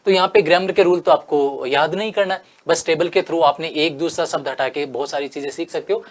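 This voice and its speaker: A male teacher from India giving an exam-prep lesson. He reads English options slowly, then explains them with rhetorical questions. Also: on the high side.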